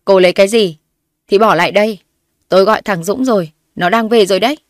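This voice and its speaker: A woman's voice: medium pitch, quick pace, no echo, natural voice. A woman voicing a spiteful older mother-in-law who scolds and shrieks accusations, read in a dry recording. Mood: scolding.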